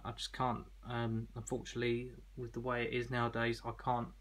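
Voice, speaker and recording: Speaking briskly in a monotone, mid-range voice with a slightly bright edge, a man shows off a product as an online seller. His explanation is casual and a little hesitant.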